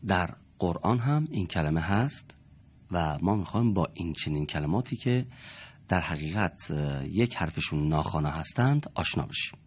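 Low husky guy teaching a reading lesson, draws words out slow, voice goes up and down a lot. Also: lively intonation. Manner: slow, stretched-out demonstration of words. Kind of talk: classroom lesson.

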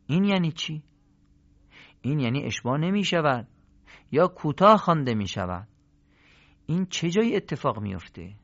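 A man's voice: fairly high pitch, very animated, long pauses. Male recitation teacher, didactic question-and-answer delivery, lo-fi lesson recording. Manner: didactic, poses questions and answers them, stretches example words. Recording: slightly dull lo-fi recording.

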